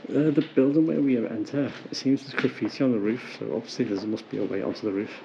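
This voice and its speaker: A man's voice: medium pitch, quick pace, gravelly. A man chatting hesitantly and uneasily while exploring an abandoned industrial site outdoors, recorded on a camera mic. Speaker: urban explorer host. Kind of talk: casual walkaround chat. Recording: muffled outdoor camera audio with loud background noise.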